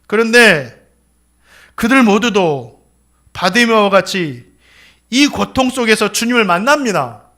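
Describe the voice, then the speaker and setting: A man's voice: very high-pitched, bright, forceful tone. A male pastor preaching a sermon with dramatic delivery, acting out the voices of the people he quotes. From South Korea.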